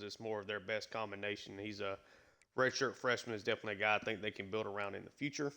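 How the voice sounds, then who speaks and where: A man's voice: fairly low pitch, bright, forceful tone. A man with the hiccups giving casual play-by-play commentary on a football video game, with lots of fillers. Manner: conversational, filler-heavy, hiccuping. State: has the hiccups. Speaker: gaming YouTuber.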